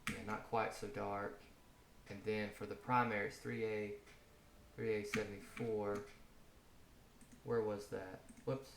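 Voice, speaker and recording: A man's voice: on the low side, flat delivery, unhurried, long pauses. A man walking through a coding tutorial in a casual way, thinking aloud and correcting himself as he types. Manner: thinks aloud, self-correcting while typing. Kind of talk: casual screencast coding walkthrough. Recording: roomy home office, audible typing noise. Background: keyboard typing and mouse clicks.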